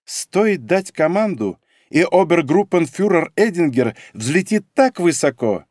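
A man's voice: on the high side, very animated, measured pace, a little mellow, dry recording, studio quality, pitched above the performer's own voice. A man voicing a cold, domineering woman spy in an audiobook, icy and mocking in manner. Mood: commanding. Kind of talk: audiobook character reading.

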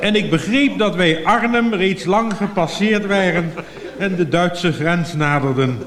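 A man's voice: high voice, a little slow, a bit bright. A man telling a comic monologue in a droll, mock-formal way, heard on an echoey, noisy archive recording. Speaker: comic storyteller.

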